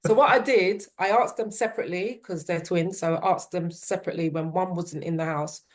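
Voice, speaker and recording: A woman's voice: lowish voice, fairly quick. A middle-aged woman, a parent and teen coach, telling her story in an interview with an earnest, reflective manner and frequent "um" and "yeah".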